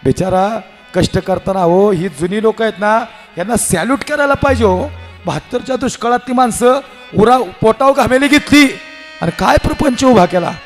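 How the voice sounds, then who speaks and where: High-voiced impassioned male kirtan preacher. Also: moderate pace, soft background music. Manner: impassioned, storytelling with acted dialogue. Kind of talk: devotional kirtan sermon. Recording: live hall with reverb and instruments.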